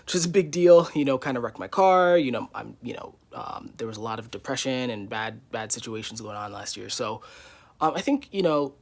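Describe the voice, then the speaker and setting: A man's voice: medium pitch, expressive, fairly quick, vocal fry. A man in his twenties giving a casual, candid vlog update from his living room, rambling with many fillers. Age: 20s. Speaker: YouTuber.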